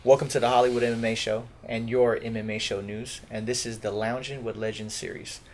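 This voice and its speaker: A male host opens his show and puts questions to a guest in a relaxed, friendly way. His voice sits at a middle pitch, with a faint hum of background noise. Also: brisk. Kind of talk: casual interview hosting.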